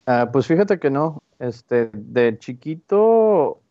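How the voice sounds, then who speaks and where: A printmaker artist in his thirties, from Ciudad Juárez, Mexico, and living in El Paso from age twelve, talks casually as an interview guest with a northern Mexican Spanish accent. He's informal and digressive, often tagging phrases with a checking "¿no?". His voice is medium-pitched, sing-song and slow, and the recording is slightly dull, lo-fi and dry with no room sound.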